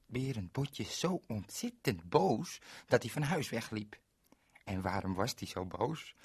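A man's voice: medium pitch, breathy edge, dry recording, clean studio sound. A man narrating a children's story in a playful way, talking directly to the young listener.

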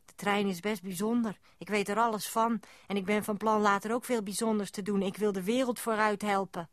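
Woman voicing a squeaky know-it-all little girl. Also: brisk, dry recording, clean studio sound, lightly acted. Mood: eager. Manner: excited, rising to squeaky disbelief. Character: eager chatty young girl, know-it-all.

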